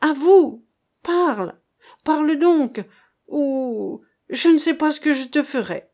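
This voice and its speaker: A woman voicing a poor, desperate mother who shouts and accuses in a high, loud voice. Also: takes it slowly. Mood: furious.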